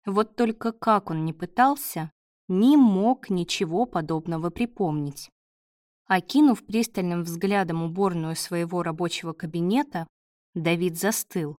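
Low, slow woman narrating an audiobook. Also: dry recording, clean studio sound. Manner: steady, measured reading.

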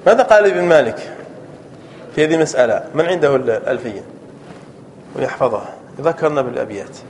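A man, a sheikh teaching a classroom grammar lesson, quizzing his students and drawing out examples slowly. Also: medium pitch, animated, a little hiss or hum.

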